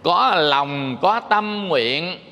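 A Buddhist monk from Vietnam gives a dharma talk, speaking in a conversational way. His voice is gravelly, bright and somewhat high for a man. A long hall reverb trails his words. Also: expressive, drawn-out words. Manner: conversational, asks the audience questions.

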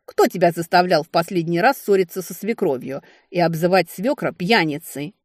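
A stern, sarcastic older sister who grumbles reproaches at her sibling, as a woman voices her for an audiobook. The voice is set a little higher than the narration, in a close, dry recording. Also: moderate pace, dry recording, natural voice. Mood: reproachful.

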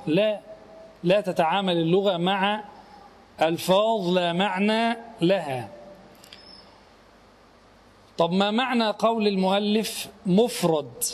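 A middle-aged man teaching a classical grammar lesson. He poses questions to his students, answers them himself, and repeats key terms slowly for emphasis. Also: sits high.

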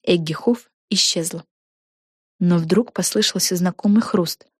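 A woman narrating a children's fantasy audiobook in a lively, expressive way. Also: fairly low pitch, measured pace, slightly rough, dry recording, studio quality. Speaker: audiobook reader. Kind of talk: storybook narration.

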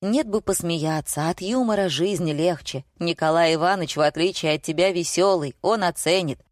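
A woman's voice: fairly low pitch, moderate pace, dry recording, clean studio sound, close to an everyday voice. A woman reading an audiobook voices a cheerful male police partner who teases and laughs at his colleague. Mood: chiding. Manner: teasing, giggly.

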